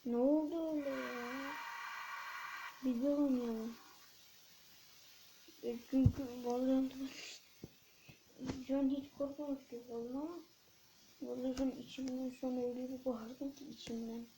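A woman playing a horror game and commenting casually, jumpy and exclaiming, counting under her breath to stay calm. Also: high voice, measured pace, long pauses, a little hiss or hum, rough recording. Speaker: gamer streamer.

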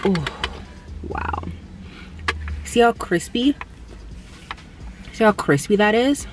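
A young woman from Canada reviewing fast food in a casual mukbang while she eats in a parked car, humming appreciatively between bites. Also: medium pitch, animated, music in the background. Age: young adult. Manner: chatty, eating between remarks, lots of appreciative hums. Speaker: food vlogger. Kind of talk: casual mukbang tasting chat. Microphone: camera on the dashboard.

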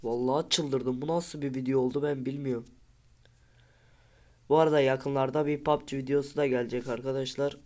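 A man's voice: medium pitch, steady tone, brisk, a little mellow. A man giving casual commentary over a football video game, with frustrated outbursts and pleading at his players. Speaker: gaming video creator.

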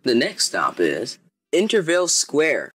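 Lively, slightly husky male subway announcer. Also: medium pitch, measured pace, no room sound, soft background music. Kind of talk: scripted station announcements.

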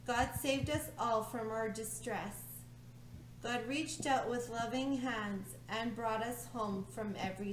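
A middle-aged woman leading a children's church lesson, reading a story slowly, clearly and soothingly. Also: on the high side. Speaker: children's ministry leader. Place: church room with a round table, indoors. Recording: echoey room, faint hum.

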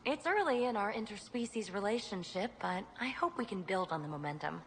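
Woman playing animated, teasing companion in reverberant space. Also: mid-range voice, fairly quick, lightly acted. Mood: upbeat. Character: friendly, teasing female companion. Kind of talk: video game dialogue. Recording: reverberant, faint background noise.

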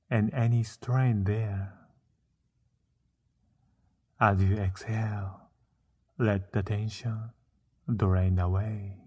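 A man narrating a guided meditation, soothing and unhurried, with frequent pauses between short phrases. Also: lowish voice, warm tone, husky.

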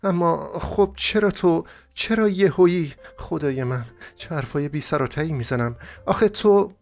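A man's voice: lively intonation, soft background music. A man voicing a young, emotional, heartbroken woman in an audiobook, pleading and tearful. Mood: bewildered. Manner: high-pitched, pleading, tearful.

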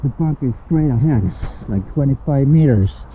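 A man's voice: medium pitch, lively intonation, normal speed, slight background noise. A man narrating a casual, sweary first-person adventure vlog outdoors, his voice muffled by a gas mask. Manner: sweary, informal, talking to camera. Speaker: vlogger playing a survival mission. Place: outdoors in a forest. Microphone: handheld action camera at arm's length. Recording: dull muffled sound through mask. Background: music.

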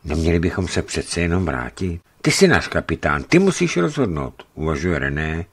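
A man reading a travel book aloud in calm storytelling narration. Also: low-pitched, slightly rough. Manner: calm storytelling, lifts his voice for quoted speech.

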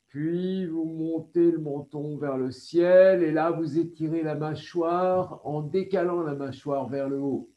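A man with a French accent leading a yoga class over a video call, giving slow, calm instructions with breathing cues. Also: fairly high pitch, muffled recording. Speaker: yoga teacher.

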